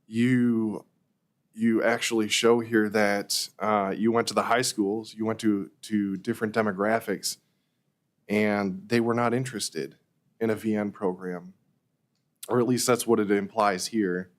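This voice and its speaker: A man with a slightly hoarse voice, formally asking questions at a public meeting as a board member, often rephrasing as he goes. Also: fairly low pitch, steady tone, unhurried. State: slightly hoarse, losing his voice.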